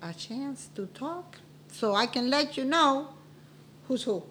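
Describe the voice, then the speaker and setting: A woman in her sixties from Cuba, a podcast guest who talks in an animated, boastful way and keeps protesting. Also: high voice, slow. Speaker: guest, host's mother. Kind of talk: casual podcast chat.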